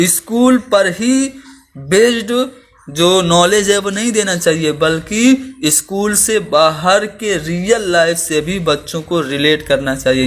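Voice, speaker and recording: A man teaching exam preparation, restating each Urdu term in plain Hindi and English and slowing down to demonstrate example sentences. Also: a little high, a bit bright. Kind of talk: lesson explaining exam questions.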